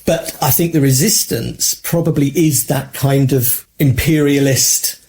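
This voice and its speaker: A man with a polished, posh London English accent, speaking at an ordinary mid pitch. He thinks aloud in a relaxed podcast chat, hedging his points and laughing easily. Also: unhurried. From England. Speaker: podcast co-host. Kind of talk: casual conversation.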